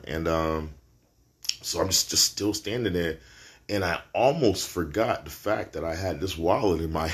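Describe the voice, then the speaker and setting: A Brooklyn man with a New York accent and a very low, deep voice hosts his own podcast. He talks casually and slangy, with plenty of profanity, and his pitch jumps sharply upward when he lands a punchline. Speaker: podcast host. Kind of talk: casual solo podcast storytelling.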